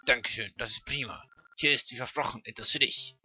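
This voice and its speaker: Swiss German man as an eager rock-creature collector in a game, bright keen voice. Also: medium pitch, brisk, breathy edge, faint music behind.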